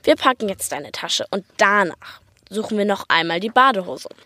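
A woman with an Austrian accent voicing a patient, practical mother who speaks calmly and firmly. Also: medium pitch, moderate pace, no echo, clean studio sound. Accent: Austrian German. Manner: calm, firm, organizing.

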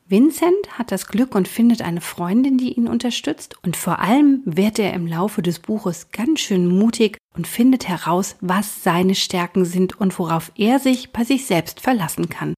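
A woman reads a children's book aloud for a reading series. Her voice is breathy and soft. She speaks gently and turns straight to her young listeners. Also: medium pitch, expressive, measured pace, hardly any pauses.

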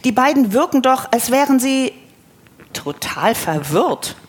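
A woman voicing a nervous little piebald pony with a high, worried, pleading voice. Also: very animated, a little slow, slightly rough, heavily acted.

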